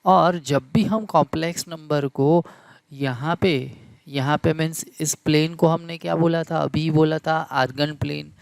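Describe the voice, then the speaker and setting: A man's voice: on the high side, steady tone, creaky, smooth, no room sound. A man teaching a math lecture, repeating key terms and asking the class questions to check they follow. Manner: slow, deliberate delivery. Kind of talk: classroom lecture in Hindi mixed with English terms.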